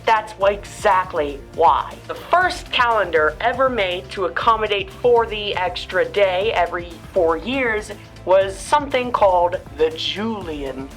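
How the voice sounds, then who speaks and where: A woman's voice: on the low side, a bit bright. A woman hosting a scripted school-news explainer segment, talking in a playful way with jokey asides. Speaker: student news segment host.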